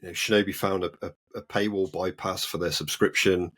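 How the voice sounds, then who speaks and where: A man who is the guest in an interview, explaining his work in a relaxed way. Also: low voice, a little fast, husky. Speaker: guest, cyber security researcher. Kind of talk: casual interview.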